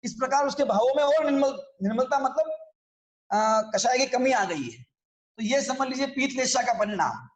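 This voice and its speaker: A man's voice: extremely high pitch, animated, moderate pace, roomy sound. A man teaching a religious scripture class, explaining in a conversational way and often checking that his listeners follow.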